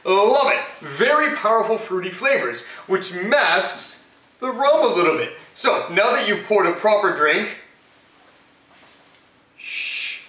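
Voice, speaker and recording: As a swaggering Batman playing cooking host, a young man delivers a comic kitchen demo in an exaggerated voice, rambling with fillers and full of cockiness. He speaks high and very animated, taking it slowly with a sharp tone. The echoey home kitchen is captured by a distant camera mic.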